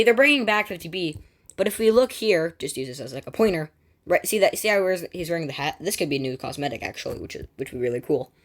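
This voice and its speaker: A woman hosting a gaming channel, reading game news aloud and breaking off into rambling, excitable asides full of restarts and filler words. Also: on the low side. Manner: excitable, jumps between reading and personal asides.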